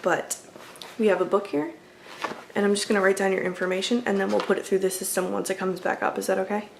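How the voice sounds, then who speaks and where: In a casual customer-service ASMR roleplay, a woman plays a friendly, accommodating clerk at a video game store, polite and apologetic. She talks fast in a mid-range voice with vocal fry, and background noise is present.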